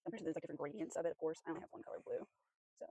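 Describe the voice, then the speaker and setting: Husky, slightly hoarse woman vlogger. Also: low voice, very fast, mellow, no room sound, rough recording. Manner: rambling, friendly, lots of fillers. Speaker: art vlogger. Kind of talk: casual chat while drawing. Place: at home with her dog.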